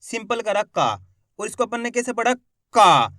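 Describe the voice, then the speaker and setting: A man's voice: very high voice, flat delivery, normal speed, fairly bright tone, no echo, clean studio sound. A man hosting an online Hindi lesson for beginners, who keeps reassuring the viewers and drills syllables one at a time, stretching the long vowels. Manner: emphatic, repeats assurances and calls the viewers 'friends'. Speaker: Hindi teacher, channel host.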